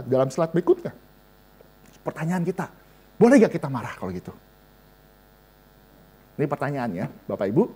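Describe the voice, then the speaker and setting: A man preaching a lively Bible study sermon, joking and speaking straight to his listeners. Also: on the high side, husky. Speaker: vicar preaching to a women's and seniors' Bible study.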